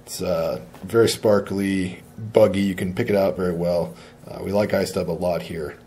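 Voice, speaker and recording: A man demonstrating fly tying at a shop bench. He talks in a relaxed, plain-spoken way and often says uh. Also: low voice, moderate pace, slight background noise.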